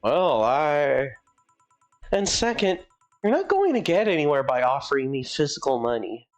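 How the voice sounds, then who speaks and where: A streamer voicing a sarcastic woman bartender who answers in a dry, deadpan way, in live fan voicing of a game. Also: mid-range voice, normal speed, soft background music. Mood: scolding.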